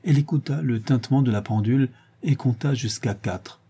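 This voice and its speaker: A male narrator reading a classic novel aloud with measured, expressive care. His voice is deep-toned and dark, with a husky edge, at a middle pitch. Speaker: audiobook narrator. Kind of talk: literary audiobook narration.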